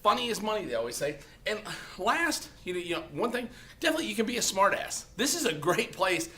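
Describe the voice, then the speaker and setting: A man addresses the camera casually with blunt, profane social-media advice, constantly adding "okay?" to his points. He talks fast and very animatedly, his high voice pushed and bright.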